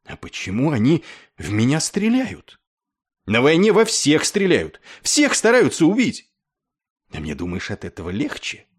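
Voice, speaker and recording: A man voicing a weary, sober-minded young male airman who argues calmly and dryly. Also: on the low side, normal speed, husky, exaggerated voice. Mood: calmly reasoning. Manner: calm, reasoning, dry.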